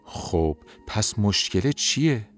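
A man voicing a calm, wise magical snail who speaks patiently and gently. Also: fairly low pitch, soft background music, close to an everyday voice.

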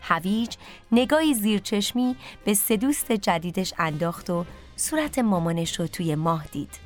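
A woman's voice: medium pitch, lively intonation, soft background music. A woman narrating a bedtime story for children and speaking directly to them.

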